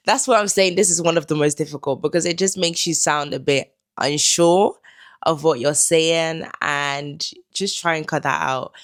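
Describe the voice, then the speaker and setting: Calm, instructive counsel comes from a young woman vlogging about lifestyle to camera, advising her viewer directly. She is from the Netherlands, speaks Dutch as her first language, and has a low voice.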